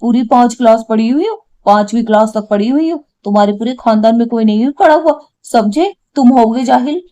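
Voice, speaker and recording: A woman voicing a tearful, quarrelsome young wife in a cartoon, with a complaining, sharp-tongued manner. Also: a little high, brisk, natural voice. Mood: indignant. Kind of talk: cartoon voice acting.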